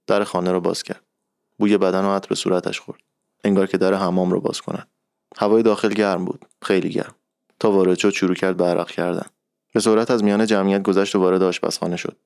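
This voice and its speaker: Deep gravelly man reading a story. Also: darkish tone, dry recording, studio quality. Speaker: narrator. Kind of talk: reading a literary short story.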